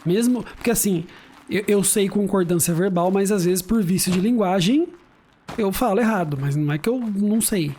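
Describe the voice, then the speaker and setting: A man's voice: high-pitched, normal speed, darkish tone, a little hiss or hum. A man chatting casually while streaming a video game at home, telling stories with slang and frequent laughter. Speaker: gaming streamer. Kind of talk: casual let's-play commentary.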